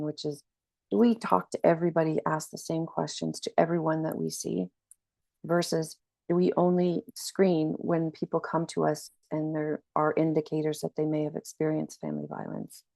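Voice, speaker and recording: A woman with a slight cold gives a webinar training presentation, sounding slightly scratchy. Her voice sits low with vocal fry and a mellow quality, and there's no echo. She's earnest and explanatory, with frequent restarts.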